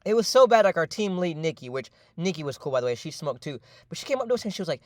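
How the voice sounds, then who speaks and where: A young man tells a personal story in casual voice-over, rambling and full of slang, profanity and fillers. He talks fast in a slightly high voice. The sound is dry and close. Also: very animated, dry recording.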